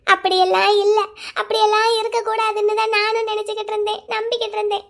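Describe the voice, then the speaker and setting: A woman voicing a hurt young wife in a cartoon drama, crying and accusing her husband loudly. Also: extremely high pitch, level tone, quick pace. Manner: loud, accusing, bitter. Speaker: voice actor.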